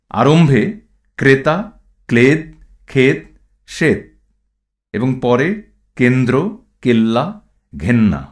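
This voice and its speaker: Male pronunciation instructor, mid-pitched, deliberate and very slow, reciting rules and example words. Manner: measured, reads rules and word lists one item at a time. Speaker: pronunciation teacher.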